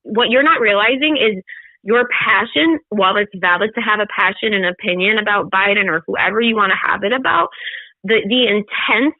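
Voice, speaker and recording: A woman's voice: mid-range voice, normal speed, dry recording. A woman from the United States, co-hosting a podcast and speaking in an earnest, emphatic way in casual discussion. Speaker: podcast co-host. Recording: thin phone-like line.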